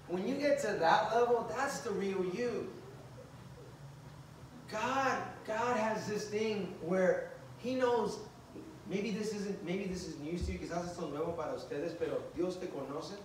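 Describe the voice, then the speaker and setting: A man's voice: high voice, a little hiss or hum. A man preaching to a youth service, joking and acting out little scenes, switching between English and Spanish. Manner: playful, joking, acts out dialogue. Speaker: youth pastor. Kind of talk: bilingual youth sermon. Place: church hall. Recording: echoey church hall from far off.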